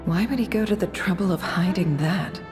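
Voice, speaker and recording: A fairly low, natural-sounding female voice moves a little quickly through a dramatic game monologue. She plays a thoughtful young woman on a journey who inquisitively works through clues to herself, pensive and curious. Music sits beneath the track, which carries a long reverb.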